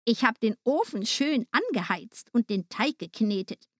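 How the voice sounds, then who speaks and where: A woman doing a shrill wicked old witch. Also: expressive, measured pace, dry recording, studio quality. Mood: bossy. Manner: high shrill scolding voice.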